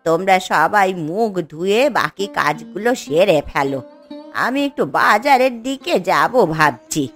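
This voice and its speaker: A woman's voice: mid-range voice, expressive, unhurried, fairly bright tone, voice pushed down. Woman doing a grumpy old granny, cartoon, scolds and sighs, voice swoops around. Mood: weary. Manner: grumbling, sighing complaints. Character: weary scolding old grandmother, worried, gloomy. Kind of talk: animated cartoon voice acting. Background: faint music.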